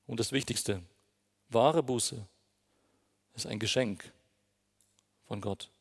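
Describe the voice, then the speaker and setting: With a slightly rough voice of medium pitch, a man preaches slowly, addressing his congregation in an earnest, emphatic way. The sound carries the long reverb of a hall.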